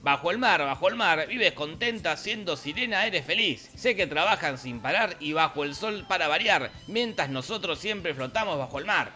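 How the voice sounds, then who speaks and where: A man's voice: a little high, animated, normal speed, few pauses, pushed and bright, soft background music, pitched above the performer's own voice. A man doing a singing crab snitch. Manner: sings a parody tune.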